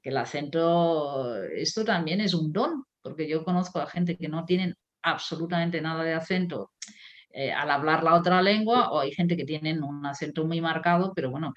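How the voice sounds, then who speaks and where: A woman's voice: low voice, dull audio. A woman, a writer and critic, talking in a reflective way with many fillers and restarts. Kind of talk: conversational interview.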